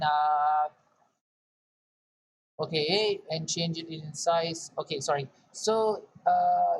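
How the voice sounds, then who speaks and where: A woman talking fast through a casual screen-share tutorial as an online marketing instructor, repeating words and often saying "guys". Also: lowish voice, low-quality recording.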